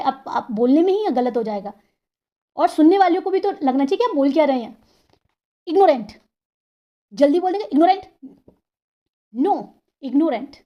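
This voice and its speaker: Explaining English grammar, a woman teacher asks and answers her own questions and sounds out words slowly, syllable by syllable. Her voice is high-pitched and mellow.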